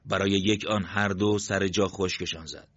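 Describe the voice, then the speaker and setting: Low-voiced male audiobook narrator. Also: no echo. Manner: steady, measured literary reading. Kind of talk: scripted narration. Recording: dull, lo-fi dry sound.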